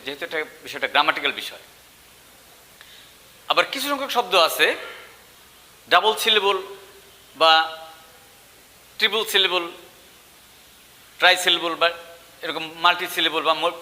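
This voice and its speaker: High bright teacher in an echoey hall. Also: male voice. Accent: Bengali. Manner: slow, deliberate, spells out word forms one by one. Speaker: English teacher. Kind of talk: online grammar lecture. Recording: long hall reverb.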